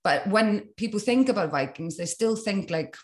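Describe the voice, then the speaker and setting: A woman's voice: mid-range voice, lively intonation, normal speed. A young woman, a fitness and yoga coach, talking reflectively as an interview guest. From Iceland. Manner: reflective, with many restarts and "like". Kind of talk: casual interview chat. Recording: roomy room echo.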